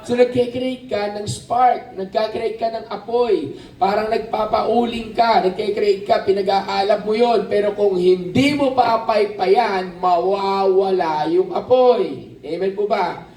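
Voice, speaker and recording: A man preaching a lively sermon at a camp, asking the crowd questions and calling for amens. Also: high voice, unhurried. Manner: animated, asks the crowd questions, calls for amens. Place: outdoor camp. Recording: roomy, distant outdoor sermon recording with faint ambience.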